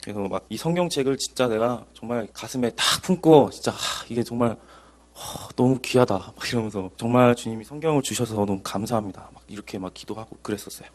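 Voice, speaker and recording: A man in his thirties, an evangelist, giving an earnest, animated Bible lecture that mixes in his personal testimony. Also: mid-range voice, fast talker.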